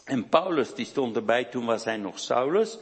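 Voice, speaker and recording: A man delivers a sermon at an average pitch, taking his time, pausing and restarting as he searches for words. His voice carries a long reverb from a large hall. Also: expressive, husky. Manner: slow, deliberate delivery with hesitations and restarts. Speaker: preacher.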